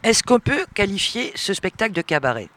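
Polite male radio interviewer, higher voice. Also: very animated, pushed and bright. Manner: polite, brisk questioning with fillers.

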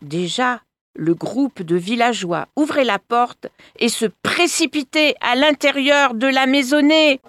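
Slow, expressive woman storyteller. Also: sits high, dry recording, clean studio sound. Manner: slow expressive reading, addresses listeners. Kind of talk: scripted narration of a folk tale.

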